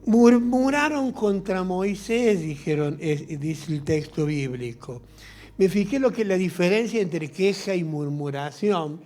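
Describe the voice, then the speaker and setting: Animated middle-aged Argentine pastor preaching. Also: male voice, sits high, unhurried, soft background music. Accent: Argentine Spanish. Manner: animated and humorous, acting out little scenes. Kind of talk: sermon.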